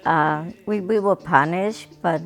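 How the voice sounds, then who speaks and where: An older woman from Ecuador slowly and fondly recalling her childhood. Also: on the low side, soft background music. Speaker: interviewee. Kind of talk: reminiscing interview.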